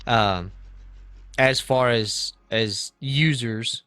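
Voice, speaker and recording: A man's voice: mid-range voice, drawn-out words, sharp tone, smooth. A man in his late twenties hosting a casual podcast, rambling with fillers and greeting viewers in chat by name. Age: 20s. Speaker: podcast host.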